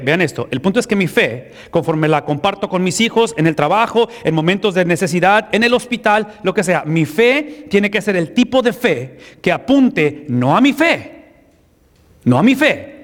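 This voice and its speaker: A man with a notably high voice delivers a sermon, pressing his points with rhetorical questions to the congregation. His voice rings with a long reverb from a large church hall. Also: lively intonation, normal speed. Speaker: pastor.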